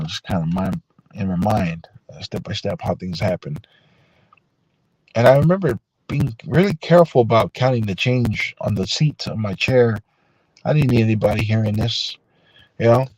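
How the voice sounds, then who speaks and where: A man telling a personal story on a live stream in a rambling, unhurried way, full of fillers and restarts. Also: lowish voice, darkish tone, breathy edge, no room sound, low-quality recording.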